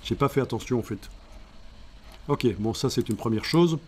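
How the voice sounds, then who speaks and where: A man speaking, explaining a software tutorial step by step and thinking aloud as he works. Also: mid-range voice, normal speed, slightly rough. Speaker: software instructor. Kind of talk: screen-recorded software tutorial.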